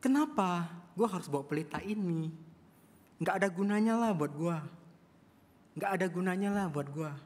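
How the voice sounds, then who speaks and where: Preacher doing a blind guy yelling, high-pitched and cocky, big church echo. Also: lively intonation, normal speed, long pauses. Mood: mocking. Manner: brash slangy shouting. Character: proud, short-tempered blind man. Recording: long church hall reverb.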